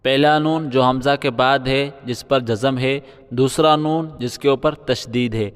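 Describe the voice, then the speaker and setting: A man teaching Quran reading with tajweed, spelling out syllables and chanting words slowly, then explaining the rules quickly. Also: medium pitch, steady tone, smooth, long reverb tail.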